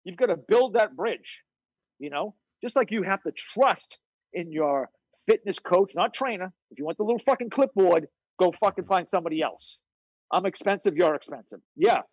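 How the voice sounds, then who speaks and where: Brief: male fitness coach guest, husky and fairly high voice, swears freely, tells punchy stories. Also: moderate pace, no echo, muffled recording. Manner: blunt, profane, animated storyteller. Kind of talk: casual interview storytelling.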